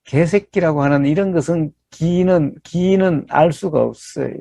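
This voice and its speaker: A man teaches meditation in a slightly high, gravelly voice, speaking as in a Buddhist dharma talk. He builds his point step by step, asking rhetorical questions and checking in with his listeners. The sound is dry and close, with no room echo. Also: moderate pace, dark tone.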